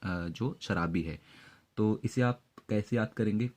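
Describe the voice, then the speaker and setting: Lower-voiced man teaching vocabulary. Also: a little slow, darkish tone. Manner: explains word tricks step by step, many fillers. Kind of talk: exam-prep vocabulary lesson.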